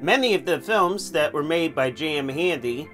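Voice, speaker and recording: Higher-voiced man presenting film history. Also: lively intonation, normal speed, fairly bright tone, faint music behind. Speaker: film showcase host. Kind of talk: scripted film history commentary.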